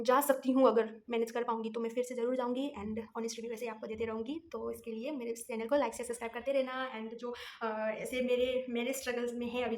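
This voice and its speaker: Fast-talking chatty young woman vlogger. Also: on the high side, darkish tone, a little hiss or hum. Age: young adult. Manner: rambling, chatty, repeats herself. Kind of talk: casual storytelling vlog. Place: room at home. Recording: echoey room.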